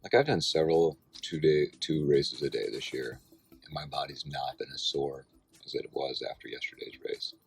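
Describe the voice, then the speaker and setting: This vlogger and amateur cyclocross racer, a man in his forties, has a very deep voice and talks at a moderate pace. Tired and sore, he rambles through a casual outdoor video diary in a relaxed, self-mocking manner.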